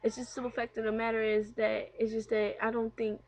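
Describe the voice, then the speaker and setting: Higher-voiced young woman on a candid rant. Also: monotone, fairly quick, darkish tone. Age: young adult. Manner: candid, conversational, slangy, swears freely. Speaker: vlogger. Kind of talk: casual personal rant.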